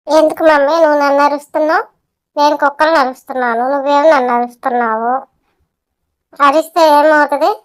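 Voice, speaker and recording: Cheeky whiny pet dog, voiced by a woman, high-pitched, gripes to camera. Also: fairly even intonation, fast, close to an everyday voice. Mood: complaining. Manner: complaining, chatty address to viewers.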